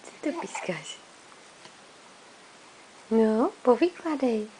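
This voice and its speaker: A woman's voice: fairly high pitch, animated, background noise. A woman talking baby talk to an infant, coaxing him with sing-song questions.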